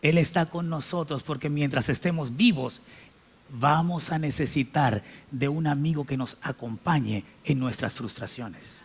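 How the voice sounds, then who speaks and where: Pastor preaching, slow dramatic phrasing, kinda high voice. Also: male voice, husky. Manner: emphatic and dramatic, slow drawn-out phrases, spells out words. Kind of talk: sermon.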